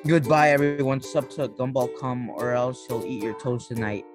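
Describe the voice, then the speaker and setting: An American man co-hosting a podcast, making teasing deadpan jabs in casual chat. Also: mid-range voice, normal speed, music in the background. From United States. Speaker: podcast co-host.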